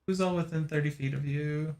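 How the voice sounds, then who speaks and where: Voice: mid-range voice, fairly even intonation, a little fast, a little mellow. A game master refereeing a tabletop role-playing session in a casual way, with music behind.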